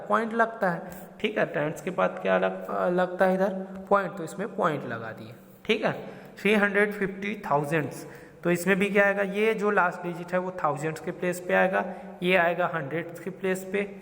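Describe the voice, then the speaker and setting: A man teaches a school math lesson step by step, keeping the class on track with questions and a repeated "theek hai." His voice is high, creaky, and a bit bright, with a long reverb tail.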